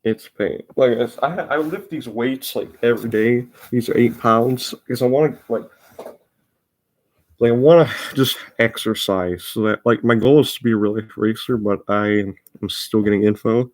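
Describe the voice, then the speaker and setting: This racing video host is a Midwestern-accented boy of fourteen, chatting loosely over replays and breaking off his own sentences as he rambles. His male voice has a medium pitch, a moderate pace, and a slightly mellow quality.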